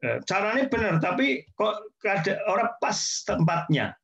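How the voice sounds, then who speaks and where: A man giving a relaxed religious lecture, explaining points repetition and friendly asides. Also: high voice, normal speed. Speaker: Islamic teacher. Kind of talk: casual sermon lecture. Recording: dull lo-fi sound.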